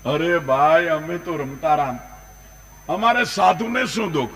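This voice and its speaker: A kindly old wandering holy man, voiced by a male storyteller, asking gentle, concerned questions. His voice is bright and fairly high, with a warm, carefree manner in a spoken folk tale. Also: a little slow.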